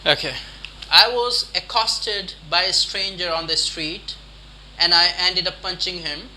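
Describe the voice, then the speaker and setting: A man with a fairly high voice leads a vocabulary lesson at an unhurried pace. He says each word several times and checks that the listener follows. A faint hum of room ambience sits behind him. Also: bright, forceful tone. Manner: slow, repeats words deliberately, quizzes the listener. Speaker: English vocabulary teacher.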